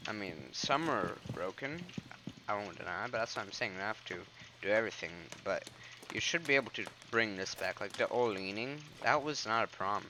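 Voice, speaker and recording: A young gaming commentator with a lowish voice rambles casually over gameplay, sounding a bit congested. He uses plenty of fillers and points things out in the footage. Game sounds and gunfire play behind him, along with background noise.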